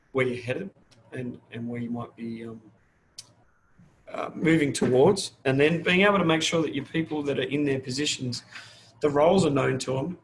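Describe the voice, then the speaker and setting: Speaking at a medium pitch, a middle-aged fire service manager chats openly in a casual interview, rambling and often restarting what he says. The recording is of poor quality, with slight background noise.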